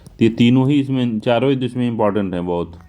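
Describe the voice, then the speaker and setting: A man with a North Indian Hindi accent going through exam questions as a teacher, repeating key words slowly for emphasis. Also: mid-range voice, warm tone. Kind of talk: explaining test answers.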